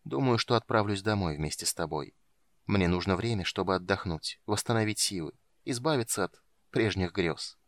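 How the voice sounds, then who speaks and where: A frail, sinister old archmage, as a male reader puts him on, speaking low and soft with quiet menace. His deep voice sits close and dry, with no room around it, like an audiobook character reading. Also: normal speed, no echo.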